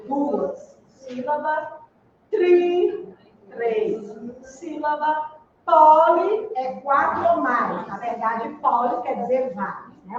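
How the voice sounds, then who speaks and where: High-voiced teacher in echoey hall. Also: female voice, a little hiss or hum. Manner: explains step by step, asks "né?" and "entendeu?". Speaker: Portuguese teacher. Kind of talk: exam-prep lecture. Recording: echoey room, distant dull mic.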